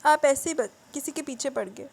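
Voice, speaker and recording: A woman voicing a gentle young wife who pleads through tears, stumbling over her words. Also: high-pitched, slight background noise, voice pushed up. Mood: tearful. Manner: pleading, halting repeats.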